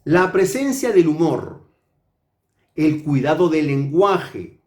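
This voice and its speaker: A man from Peru, a literature teacher, reviewing a book in a slow, measured and deliberate way. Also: on the high side, expressive, darkish tone, echoey room.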